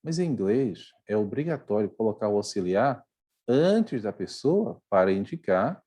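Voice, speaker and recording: Speaking in a fairly low, mellow, husky voice, a Brazilian man teaches English grammar online with a Brazilian Portuguese accent. He explains things step by step and often checks in with his students.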